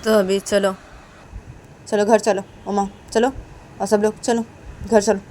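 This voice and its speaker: A woman voicing a middle-aged father who lays down terms in a measured way. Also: mid-range voice, flat delivery, mellow, a little hiss or hum, natural voice. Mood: stern calm. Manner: measured, instructing.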